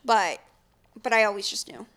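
Talking casually with a friend, this woman in her twenties, a young mom, laughs readily and uses plenty of fillers. She speaks at medium pitch and normal speed, with a fairly bright tone.

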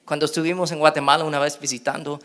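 A middle-aged man preaching a sermon in an animated way, acting out quoted voices with big jumps in pitch. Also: very fast. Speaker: pastor.

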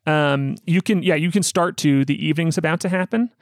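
A man narrating as game master of a tabletop role-playing game, halting with many fillers and restarts. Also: on the high side, no room sound, clean studio sound.

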